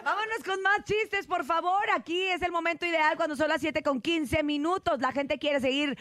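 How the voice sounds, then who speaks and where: Bubbly high-voiced woman radio host. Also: moderate pace, fairly bright tone, no echo. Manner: bubbly, laughs often, cheers callers on. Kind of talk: lively morning radio banter. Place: radio studio.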